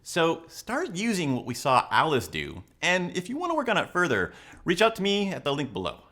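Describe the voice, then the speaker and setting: A man's voice: on the high side, wildly swooping pitch, fairly quick, bright, forceful tone. A man presenting analytical commentary to viewers as a coach, with an emphatic, instructional way of talking. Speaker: body language and leadership coach, video host.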